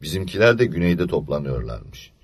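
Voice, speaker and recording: A man reading an audiobook story, voicing an earnest older boy who leads and protects the others in a calm, serious tone. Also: sits low, normal speed, vocal fry, husky, exaggerated voice. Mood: sad.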